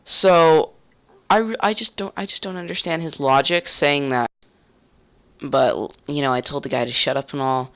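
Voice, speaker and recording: A man's voice: on the high side, normal speed, fairly bright tone. A young man telling a heated story in a casual rant, swearing and stumbling over restarts.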